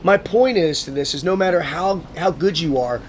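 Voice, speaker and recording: Animated, swearing man telling stories. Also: fairly high pitch, moderate pace, slight background noise. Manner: swearing, animated storyteller who acts out quotes. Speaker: guest, motivational speaker. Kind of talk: casual storytelling conversation.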